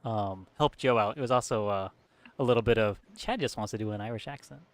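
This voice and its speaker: A man's voice: lowish voice, a little fast, dry recording. A man co-hosting a podcast, chatting casually with a wry, teasing manner. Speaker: podcast co-host. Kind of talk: casual chat.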